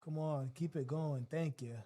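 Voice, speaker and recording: A man's voice: on the high side, fairly even intonation, moderate pace, mellow. A man hosting a trading livestream, giving casual, slangy live commentary and talking to his chat.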